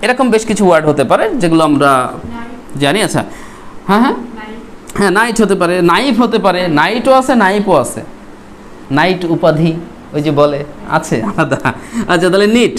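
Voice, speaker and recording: Classroom teacher, mid-pitched, drills and spells vocabulary, faint room hum. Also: expressive, brisk, long pauses. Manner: spells words out letter by letter and quizzes students.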